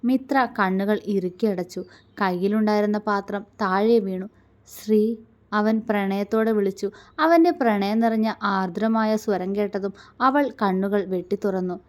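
A woman's voice: mid-range voice, moderate pace. Woman narrating a romance story.

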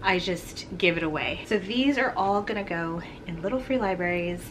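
This young book vlogger has a fairly low-pitched voice with lively intonation and a moderate pace as she chats frankly, in a casual unhaul, about books she's giving away. Recorded in a home room with background noise, she sounds a little congested, with a slightly sore throat.

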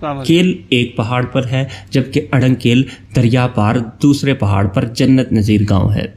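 A man's voice: medium pitch, measured pace. Man narrating a travel guide voice-over. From Pakistan. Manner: steady, informative, listing places one by one.

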